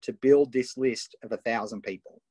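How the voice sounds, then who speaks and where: An Australian man hosting a live online coaching session, enthusiastic and firing off quick questions over a video call. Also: mid-range voice, dark tone, slightly rough, no echo. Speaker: host and coach.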